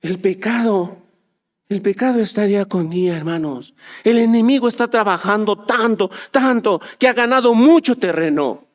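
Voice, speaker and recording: Preacher, male, high-pitched, impassioned sermon delivery with big swings between hushed asides and loud urging. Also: moderate pace. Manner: impassioned, swinging from soft low asides to loud urgent exhortation.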